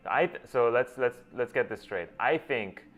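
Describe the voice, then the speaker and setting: A man speaks in a mid-range, expressive, slightly bright voice at a moderate pace. A native Gujarati speaker, he hosts a reflective monologue, thinking aloud and often restarting phrases as he works through ideas. The recording is dull lo-fi with faint music.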